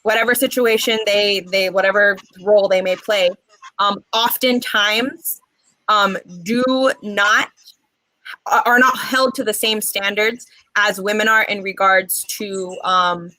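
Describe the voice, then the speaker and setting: A young woman in her twenties, born in Mexico and raised in the United States, chats earnestly as a guest poet in a casual interview, pausing often on "um." Her bright, medium-pitched voice holds a steady tone and sounds close and dry, with no room sound. The audio quality is poor.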